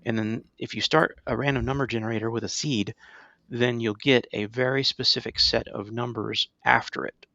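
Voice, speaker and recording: Speaking at normal speed with fairly even intonation, a middle-aged podcast co-host explains things conversationally and often checks in with "right?". His mid-range voice has vocal fry and a sharp tone, recorded dry and lo-fi.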